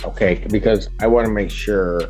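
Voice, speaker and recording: A man's voice: on the low side, fairly even intonation, moderate pace, a little mellow, faint music behind. A man presiding as judge in a courtroom recording, firm and repeatedly cutting in to clarify. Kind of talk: presiding over a court hearing.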